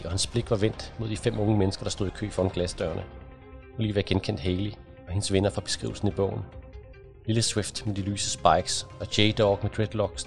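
A man reading an audiobook in a measured, even narration. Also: sits low, creaky. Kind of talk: scripted narration.

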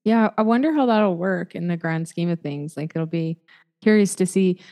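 Reflective woman with a low voice in a reverberant room. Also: warm tone. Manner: reflective, halting with fillers. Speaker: podcast co-host. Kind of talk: casual chat.

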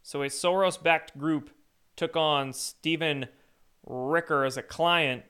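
A man hosting a casual political commentary show, talking in a wry, animated way and chuckling often. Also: on the high side, slow, clear, resonant tone.

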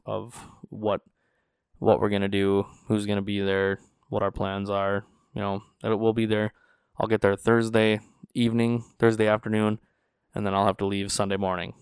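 Here the North Dakota podcast host talks with a fairly low pitch and a clean tone, spinning stories in relaxed chat. He's animated and acts out the voices of those he quotes. A studio podcast mic in a small studio gives studio-quality audio without echo.

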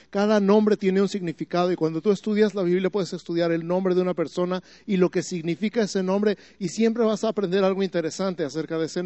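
Higher-voiced man preaching a sermon. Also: mellow, dry recording. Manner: teaching, asks the listeners direct questions; rises to emphatic repetition.

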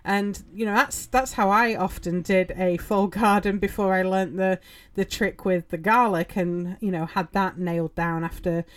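A woman's voice: mid-range voice, fairly even intonation, moderate pace. A woman hosting a gardening podcast, talking casually in a chatty, rambling way with lots of ums and you-knows. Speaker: podcast host. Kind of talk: casual solo podcast talk.

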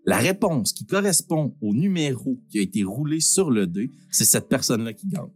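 Casting: male Québécois giveaway host, booming prize announcer, joking and casual, swooping intonation over background music. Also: expressive, moderate pace, breathy edge. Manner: informal, joking, swearing. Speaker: host of a live-streamed prize draw. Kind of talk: animated live giveaway hosting.

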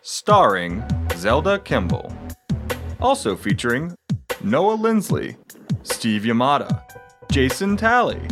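A man's voice: medium pitch, sing-song, slow pace. A man working as an announcer, reading scripted credits for a show. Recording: loud-enough music behind the voice. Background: music.

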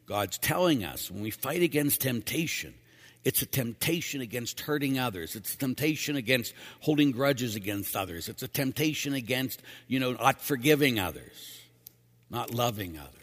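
A man's voice: mid-range voice, lively intonation, normal speed, long reverb tail. A man speaking as a priest, reading scripture and then giving a plain-spoken, emphatic homily with casual asides.

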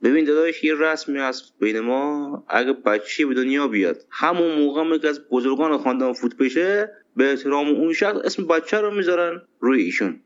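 A man's voice: a little high, few pauses, natural voice. A man playing a stubborn patient in a radio sitcom who earnestly over-explains. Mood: insistent. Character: stubborn male patient insisting on his name. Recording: slightly muffled recording.

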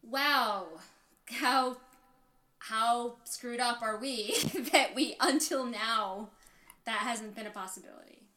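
Woman podcast cohost, highish voice, laughs a lot, lots of stop-start rambling. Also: takes it slowly, pushed and bright. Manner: laughs often, hesitant restarts, trailing off. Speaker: podcast co-host. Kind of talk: casual chat.

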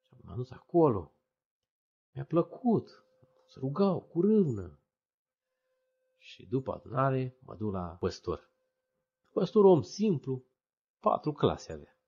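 A Romanian man telling his own conversion story as a testimony, acting out the voices of friends and others with sudden high, loud bursts. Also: wildly swooping pitch, gravelly, long pauses, slightly rough. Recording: dull lo-fi recording.

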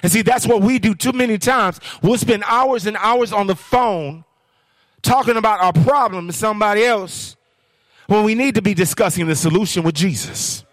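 A man's voice: sits high, normal speed, fairly bright tone, no echo, clean studio sound. A man preaching a sermon as guest speaker, questioning the crowd and rising into sing-song phrases. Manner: call-and-response preaching, sing-song rises.

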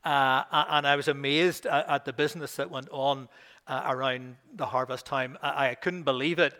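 A man's voice: medium pitch, steady tone, moderate pace, bright, forceful tone. An older man with a Northern Irish accent, a minister giving a sermon who reads scripture with rising emphasis and tells stories with chuckling asides. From Belfast. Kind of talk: sermon with scripture reading and anecdotes.

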